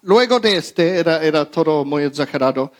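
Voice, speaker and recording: A man's voice: on the high side, expressive, normal speed. A man casually telling a funny anecdote to his audience, stumbling over his words, restarting often and laughing as he goes. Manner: many fillers and repeated words. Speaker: storyteller talking to his audience.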